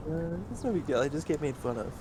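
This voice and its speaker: A man's voice: on the high side, sing-song, background noise. A man chatting and joking among friends during a casual tabletop game session. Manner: joking, quick to laugh. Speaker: player.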